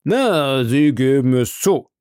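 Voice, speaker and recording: A man voicing a slow, pompous older male judge in a storybook reading, speaking in a deliberate way. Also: mid-range voice, animated, darkish tone, clean tone, no room sound, clean studio sound. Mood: officious. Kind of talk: audiobook character voice.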